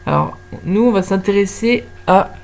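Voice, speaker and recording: A woman's voice: medium pitch, expressive, moderate pace, creaky, darkish tone. A woman teaching young children to spell by sound, patiently stretching out each syllable. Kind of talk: slow phonics lesson for young children.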